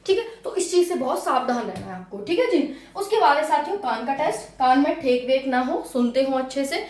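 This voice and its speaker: A woman's voice: high voice, animated, fairly quick, darkish tone, roomy sound. A woman coaching exam candidates in a casual, chatty way, repeating her points and speaking to viewers as friends. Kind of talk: casual classroom-style explainer.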